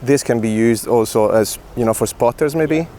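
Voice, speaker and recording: Speaking at a normal pace with a medium pitch and a dark tone, this male host casually reviews film gear and addresses viewers directly. A little hiss or hum can be heard in the recording.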